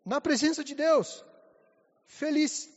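A man with a high voice preaches in a church, hushed and halting at times, fervent at others. His voice carries a long hall reverb, and the sound is dull and muffled. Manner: soft and halting, rising to fervent. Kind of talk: sermon with personal testimony.

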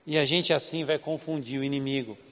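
Here a Southeast Brazilian pastor preaches in a church hall at a fairly quick clip, his medium-pitched, fairly bright voice keeping a fairly even intonation. A long reverb tail and lo-fi quality color the sermon, which he shapes around rhetorical questions in his regional Portuguese accent.

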